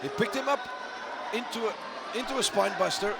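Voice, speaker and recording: A man doing excitable play-by-play wrestling commentary. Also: high voice, fairly quick, gravelly, heavy background noise. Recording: loud crowd and music behind commentary.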